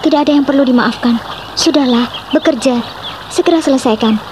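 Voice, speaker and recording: A woman's voice: high-pitched, fairly quick, noisy background, lightly acted. An actress playing young village girls who plead with and tease a sulking friend in a radio drama. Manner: pleading and teasing. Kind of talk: Indonesian radio drama acting.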